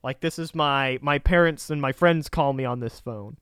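Wry man with a smooth voice. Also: mid-range voice, normal speed, fairly bright tone, no room sound, clean studio sound. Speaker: podcast co-host. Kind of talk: casual sports chat.

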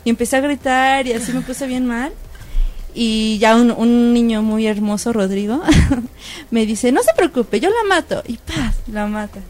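A woman teacher with a Mexican accent telling an anecdote in an animated way, acting out what people said. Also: a little high, measured pace. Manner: animated, acts out quotes. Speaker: primary school teacher. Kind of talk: casual storytelling.

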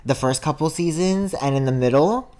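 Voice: mid-range voice, normal speed, mellow. Young co-host, loose and chatty, talks in filler-heavy run-ons into a podcast mic. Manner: rambling, heavy on "like" and "um". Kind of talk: casual chat. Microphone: podcast studio mic.

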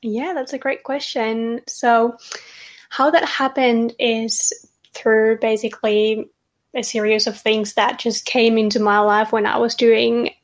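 Finnish-accented woman guest, soft, measured, slightly high voice, hesitant. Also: little pitch movement. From Finland. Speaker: guest, cycle coach. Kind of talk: conversational interview.

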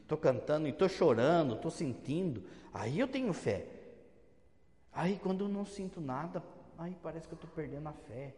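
A man's voice: on the high side, a little mellow. A Brazilian Portuguese-speaking male priest giving a homily in a conversational, teasing way, mimicking churchgoers. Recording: long church reverb.

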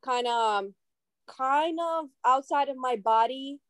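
A woman from Russia, a native Russian speaker, talks as a guest on a casual podcast. She speaks reflectively and pauses to search for words, in a slightly high voice. The sound is close and dry. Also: a bit bright, clean tone, dry recording.

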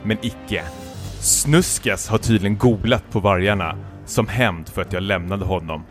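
A man with a fairly low voice co-hosts a podcast, playfully reading aloud a comic fan story he wrote himself. He often breaks into laughter as he reads, with soft music in the background.

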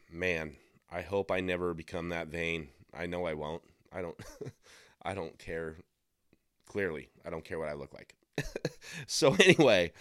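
Smooth low-voiced man ranting casually. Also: a bit bright, no echo, clean studio sound. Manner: rambling and sarcastic, with frequent fillers. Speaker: podcast host. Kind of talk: casual opinion monologue.

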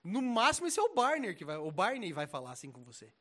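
Young Brazilian male preacher, high voice, slangy and animated, shifting loud to soft. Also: fast talker. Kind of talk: casual slangy sermon.

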